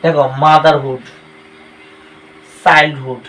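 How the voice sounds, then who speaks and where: A man's voice: on the high side, level tone, slow, a bit bright, a little hiss or hum, rough recording. A male coaching teacher with a Bangladeshi Bengali accent, giving a classroom grammar lesson and drilling each word aloud with repeated checks for understanding.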